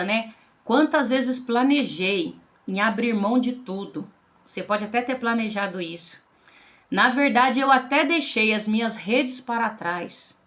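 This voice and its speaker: With a bright, rather high voice and a Brazilian Portuguese accent, a pastor from Brazil in her forties addresses her listeners as brothers and sisters while delivering a heartfelt testimony of faith to the camera.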